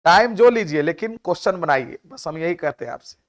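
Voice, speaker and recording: High-voiced Bihari man teaching class. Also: expressive, a little fast. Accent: Bihari Hindi. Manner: chatty, scolding, asks rhetorical questions. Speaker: math teacher. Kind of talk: classroom lecture with side talk.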